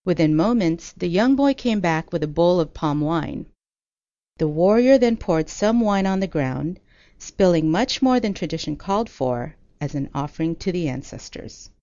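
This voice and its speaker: A woman narrating a folktale in a measured, expressive reading. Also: on the low side, no room sound. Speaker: storyteller. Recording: dull lo-fi audio.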